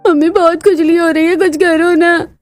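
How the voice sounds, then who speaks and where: A woman's voice: very high-pitched, little pitch movement, normal speed, voice pushed up. A woman voicing small children in a cartoon story, whining and pleading. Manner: whiny, pleading.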